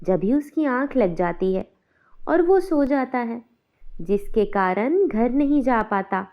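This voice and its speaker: A woman narrating a scripted cartoon moral story in an even storytelling voice. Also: fairly high pitch, slow. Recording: dull, muffled sound.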